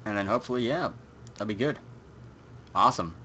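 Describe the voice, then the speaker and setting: A man's voice: fairly low pitch, a little fast, sharp tone, a little hiss or hum. A young man hosting a gaming livestream in casual chat, rambling with many fillers. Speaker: stream host.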